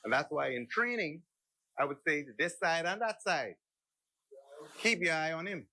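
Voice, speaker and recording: A man's voice: on the high side, lively intonation, moderate pace, bright, forceful tone, dry recording. A man with a Bahamian accent speaking off the cuff as a member in parliamentary debate. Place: legislative chamber.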